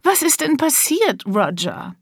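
A woman's voice: high-pitched, wildly swooping pitch, slow pace, dry recording, voice pushed up, full character voice. A spoiled, anxious rich wife fires reproachful questions in a storybook reading, voiced by a woman. Her voice sits raised and tight above the narrator's own. The recording is dry and close. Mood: alarmed, reproachful.

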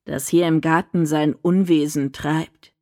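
A woman's voice: deep voice, steady tone, measured pace, warm tone, dry recording, clean studio sound. A woman reading a storybook, voicing a nervous young boy who speaks hesitantly and carefully. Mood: wary.

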